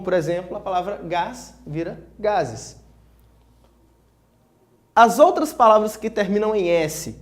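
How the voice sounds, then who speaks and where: A man with a light, high voice gives an online grammar lesson. He talks in a clear, didactic way, slowing down to lay out each example word for the learner. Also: a little mellow. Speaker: Portuguese teacher.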